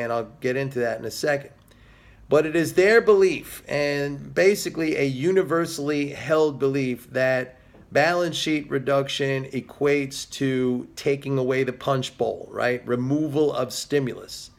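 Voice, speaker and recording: Middle-aged male host, slight vocal fry, pushy and scornful solo commentary, lots of "uh"s. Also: medium pitch. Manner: emphatic and sarcastic, with frequent fillers. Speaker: video host.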